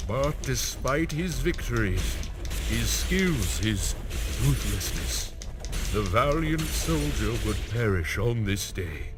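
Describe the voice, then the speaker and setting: A man playing a grave storyteller, narrating a video game cinematic in a dramatic, deliberate way. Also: mid-range voice, sing-song, loud music behind the voice. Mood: ominous. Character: grave male storyteller of a fantasy war tale.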